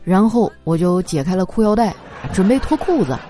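A woman telling comic stories in a lively, animated way, laughing through her punchlines. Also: medium pitch, moderate pace, soft background music. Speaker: comedy monologue performer. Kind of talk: stand-up style comic storytelling.

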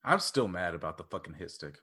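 A man's voice: sits low, very animated, fairly quick, sharp tone. A man playing a radio word game, competitive, a sore loser who swears a lot. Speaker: radio show co-host, game player. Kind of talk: casual joking banter.

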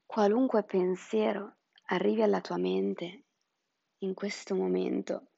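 A woman guiding a meditation in a soft, soothing, breathy voice that often drops into a whisper. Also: mid-range voice, little pitch movement, takes it slowly, dry recording, dull audio. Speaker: meditation guide. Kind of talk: guided chakra meditation.

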